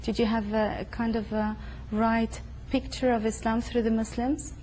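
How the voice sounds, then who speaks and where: A woman hosting an interview in a private home, asking formal, measured questions. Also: on the high side, little pitch movement, warm tone, a little hiss or hum, low-quality recording. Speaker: host. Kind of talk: studio-style interview.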